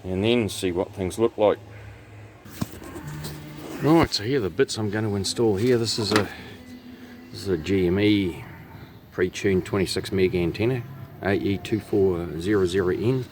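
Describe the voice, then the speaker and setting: A man whose voice sits low and darkish speaks at a moderate pace, pausing often, with a New Zealand accent. He's a radio technician narrating his own hands-on repair video in and around a truck cab, keeping it casual and matter-of-fact, with vehicle ambience and background noise clearly present.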